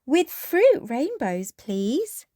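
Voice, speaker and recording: A woman's voice: high voice, sing-song, mellow, dry recording, studio quality, pitched above the performer's own voice, exaggerated voice. A woman voicing a cheerful, imaginative little girl pig with a sweet, childlike delivery in a children's storybook. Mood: happy, excited. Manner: sweet, childlike, drawn-out phrases. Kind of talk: children's storybook read-aloud.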